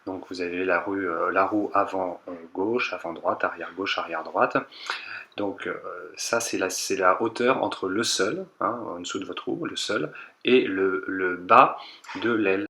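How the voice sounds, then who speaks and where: A man calmly walking viewers through a technical car procedure step by step, repeating instructions and hedging his own interpretation. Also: deep voice, measured pace. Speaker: car tech tutorial maker. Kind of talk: step-by-step voice-over tutorial.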